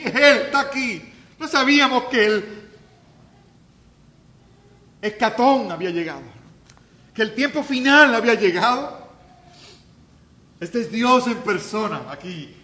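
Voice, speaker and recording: A man preaching a sermon as pastor, talking conversationally, then rising to loud, emphatic peaks. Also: high voice, reverberant.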